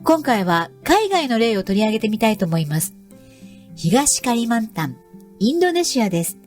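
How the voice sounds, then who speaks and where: A woman with a highish, darkish voice talks fast with big swings in pitch, and faint music plays behind her. She's the navigator of a radio program and an environmental education instructor, delivering a scripted show introduction in a polite, presenter-like manner.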